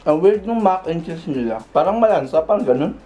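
Young Filipino-accented man, mouth full, chewing while he chats eagerly, mellow tone, soft music behind. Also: on the high side, lively intonation, fast talker, lo-fi sound. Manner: enthusiastic, repeats himself. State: chewing food while talking. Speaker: food vlogger. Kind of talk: casual food review vlog.

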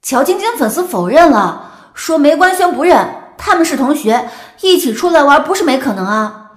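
With insistence, this young woman dishes online gossip, her very high voice swooping up and down at a moderate pace. Her delivery is exclamatory and strongly opinionated, heard in a spacious audio-drama mix with music behind her.

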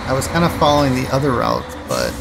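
Man, gaming host, rambling play-by-play, gravelly voice, game music behind. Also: mid-range voice, wildly swooping pitch, fast, low-quality recording. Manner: rambling, thinking aloud while playing. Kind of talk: casual gameplay commentary.

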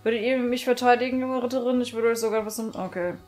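A woman's voice: fairly high pitch, fairly even intonation, fast, a little mellow, soft background music, pitched above the performer's own voice, lightly acted. A woman voicing an eager female archaeologist in a game, reading her lines in a friendly, coaxing way.

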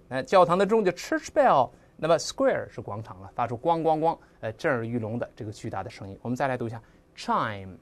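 Lively vocabulary teacher, very expressive pitch, slow drilled pronunciation, lots of sound-effect mimicry. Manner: spells out and slowly repeats English words. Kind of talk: recorded vocabulary lesson.

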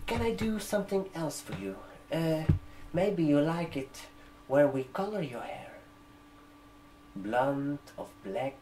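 Speaking very slowly, a young ASMR performer in his 20s acts as a barber shop receptionist, stumbling and repeating words between keystrokes. The voice is high and mellow, with slight background noise. The recording, made indoors in a room with sofas, carries a roomy echo and computer keyboard typing.

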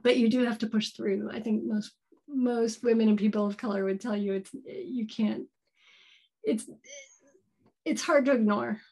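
A woman's voice: on the high side, steady tone, moderate pace, pauses often, warm tone, slightly rough. A woman in her thirties answering questions as a keynote speaker on a video call from a home office, thoughtful and hedging, often restarting her sentences. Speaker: keynote speaker, board game designer. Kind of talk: live Q&A answers. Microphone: video call webcam.

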